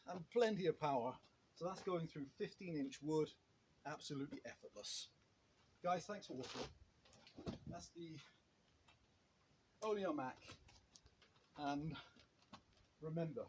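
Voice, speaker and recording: A man on his own channel talks through a chainsaw in a loose, rambling way, full of restarts and fillers. His voice sits slightly high for a man. He is recorded outdoors, with clear background noise around him. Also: a little mellow. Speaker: chainsaw vlogger. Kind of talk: casual product review.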